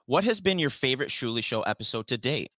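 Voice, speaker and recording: A man's voice: mid-range voice, lively intonation, fast, fairly bright tone, no echo, clean studio sound. A man co-hosting a podcast in casual chat, laid-back as he reads out listener questions. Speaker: podcast co-host.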